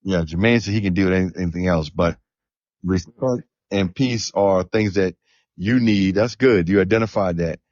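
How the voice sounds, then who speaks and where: A man hosting a relationship talk show, asking measured, probing questions. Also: low-pitched, a little mellow, no room sound, muffled recording. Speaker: host. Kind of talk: interviewing panelists.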